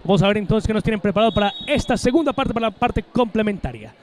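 High-pitched man, excited breakneck goal commentary. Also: fast, a little hiss or hum. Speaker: futsal play-by-play commentator. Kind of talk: live match commentary.

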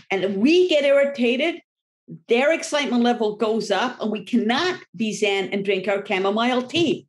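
A middle-aged woman dog trainer giving a lively talk to a seminar audience, often acting out the voices of owners and dogs. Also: a little high. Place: library event room.

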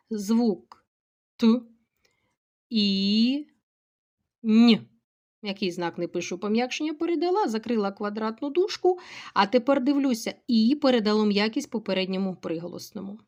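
A middle-aged woman with a Ukrainian accent, a teacher slowly explaining a grammar lesson to schoolchildren step by step and addressing them directly. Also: medium pitch.

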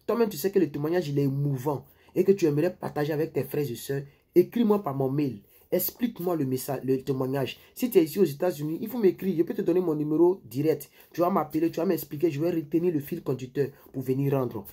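Male vlogger, mellow and a bit raspy, loose and repetitive, talks directly to his viewers. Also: a little high. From Ivory Coast. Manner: rambling, repeats himself, addresses viewers directly. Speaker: YouTuber giving life advice. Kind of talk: casual advice monologue.

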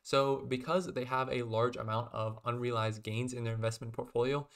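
A young man in his twenties casually explaining investing lessons to his webcam from a small room, with steady delivery and frequent fillers like "um" and "kind of". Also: medium pitch, moderate pace. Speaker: investing video host.

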